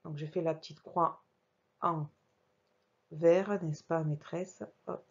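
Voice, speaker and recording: Woman primary teacher, remote phonics lesson, measured and patient delivery, lower voice, muffled home recording. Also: fairly even intonation, a little mellow, slightly rough. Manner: slow, careful, articulating each sound; talks while working the mouse on screen. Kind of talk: remote reading lesson for young children.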